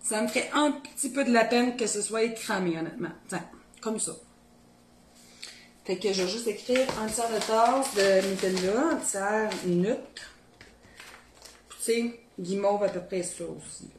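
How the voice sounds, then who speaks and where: A woman's voice: medium pitch, measured pace. A woman from the Beauce region of Quebec with a strong local Québécois accent chats casually through a cooking demo, thinking aloud as she works. Her kitchen sounds roomy and echoey, with a faint hum underneath. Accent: Beauce Québécois French. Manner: chatty, thinks aloud while working, colloquial Québécois speech. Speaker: cooking video host. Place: home kitchen.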